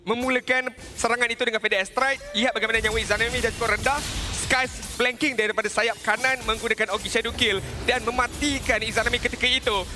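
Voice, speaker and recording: A man's voice: extremely high pitch, steady tone, fast, over music. A Malaysian man giving explanatory live esports commentary, mixing English terms into his analysis.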